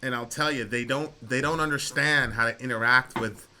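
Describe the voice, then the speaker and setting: A man's voice: mid-range voice, fairly even intonation, normal speed, sharp tone, a little hiss or hum. A man hosting a radio talk show, giving his opinions conversationally to a caller and repeating phrases for emphasis.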